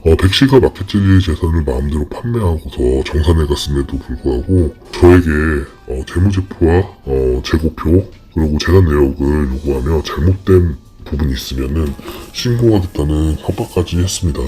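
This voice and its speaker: An anonymous interviewee whose voice is disguised with a deep pitch-shift effect, reading a formal, measured account with frequent hesitant fillers. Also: lively intonation, dark tone, husky. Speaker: anonymous fraud victim interviewee.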